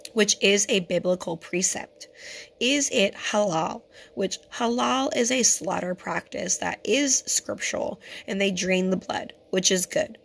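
A hoarse woman who keeps clearing her throat, giving an earnest, conversational scripture teaching to her viewers. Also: medium pitch, slow. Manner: earnest and conversational, addresses viewers as brothers and sisters. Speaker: teacher of a Torah fellowship. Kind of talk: home-made teaching video.

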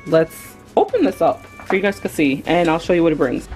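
A young woman with a slightly low voice chats to her viewers as she cooks at home. She talks as she works and gets excited easily. A little music plays faintly under her voice. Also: brisk, poor audio. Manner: chatty, excitable, talks to viewers while working. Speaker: cooking vlogger. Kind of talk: casual cook-along narration. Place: home kitchen, indoors.

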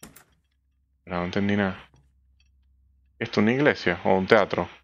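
A young man with a Venezuelan Spanish accent giving excitable let's play commentary on a horror game, swearing often and jumping into squeaky high exclamations. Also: normal speed, lo-fi sound.

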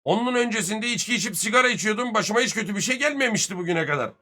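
Male streamer, 30s, a touch high, bright edgy tone, crude swearing banter with chat. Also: rapid-fire. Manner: lively, swings loud and soft. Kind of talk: casual live-stream chat with viewers.

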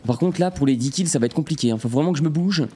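A young man giving excitable gameplay commentary to his viewers, breaking into sudden frustrated outbursts. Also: fairly high pitch, very fast, breathy edge. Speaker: gaming streamer.

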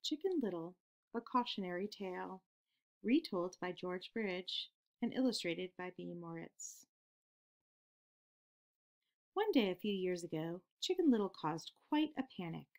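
A woman hosting a children's program, reading a picture book aloud in an expressive storytelling manner. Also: on the low side, unhurried, pauses often.

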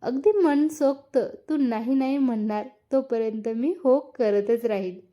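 A woman's voice: fairly high pitch, unhurried, dull audio, close to an everyday voice. A woman voicing a teasing, eager young husband, playful and insistent, in a read-aloud story.

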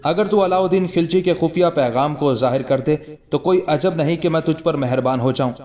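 A man's voice: fairly high pitch, a little fast, darkish tone, faint music behind, close to an everyday voice. A man voicing a scheming king in a read-aloud historical story, persuasive with flowery, pleading speech. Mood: coaxing.

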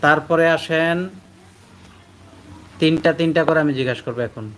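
A man teaching a live online Quran reading class. He patiently drills letters and syllables, repeating them slowly, and reads out and praises his students' answers. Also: a little high, fairly bright tone, slight background noise.

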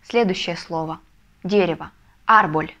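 A woman teaching a video lesson, explaining step by step with patient, soft confirmations. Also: on the low side, measured pace. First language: Russian. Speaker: Spanish language teacher. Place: language school in a Russian city.

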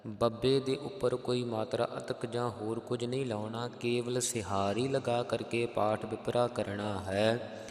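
A man with a Punjabi accent teaching scripture pronunciation, chanting verses slowly and then explaining each letter. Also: medium pitch, fairly even intonation, reverberant, long reverb tail. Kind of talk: Gurbani pronunciation lesson with sung recitation.

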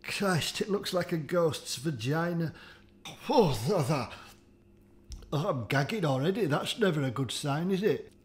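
A man, his voice sitting a touch higher than most men's, hosts a comedic food-tasting vlog. He swears freely, groans and complains with theatrical disgust, and plays up every bite for laughs. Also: expressive, normal speed. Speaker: food challenge host.

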